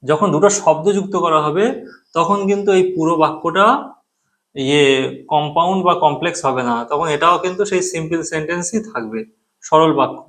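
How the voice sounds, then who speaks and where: A man's voice: fairly high pitch, fairly quick, a bit bright. A man who speaks Bengali as his first language, teaching English grammar, patiently explaining in Bengali with English terms and often checking that students follow. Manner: patient, repeats key terms, checks in with "thik ache?".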